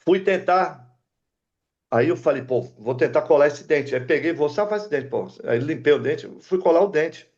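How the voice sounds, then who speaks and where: A man's voice: on the high side, normal speed, muffled recording. An older man from Brazil, an aircraft mechanic guest, telling stories in casual chat and acting out the dialogue. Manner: animated, acts out dialogue in the story. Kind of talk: casual storytelling.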